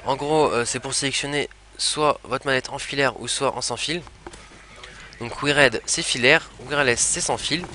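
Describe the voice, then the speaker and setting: Bright-voiced young man, halting casual talk. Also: mid-range voice, a little hiss or hum. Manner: hesitant, many fillers and restarts. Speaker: gaming youtuber. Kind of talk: casual product talk to viewers.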